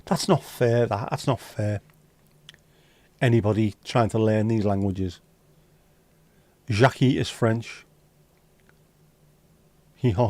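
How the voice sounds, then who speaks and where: On a home livestream setup, a man hosts a casual stream, reading chat messages aloud and teasing viewers with jokey, lightly sweary banter. His voice is fairly low and dark in tone, with no room sound.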